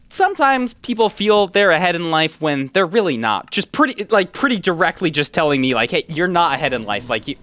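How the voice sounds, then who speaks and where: A YouTuber in his twenties tells a personal story in a casual, rambling, conversational way, often quoting himself along the way. His voice is high-pitched with a fairly bright tone, and the recording is dry.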